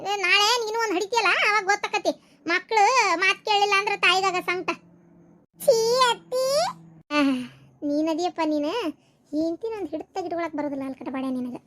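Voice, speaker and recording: A woman's voice: very high voice, fairly quick, pushed and bright. A woman voicing a short-tempered village mother-in-law in a cartoon, scolding and cursing in a North Karnataka accent. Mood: ranting. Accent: North Karnataka Kannada. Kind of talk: cartoon voice acting.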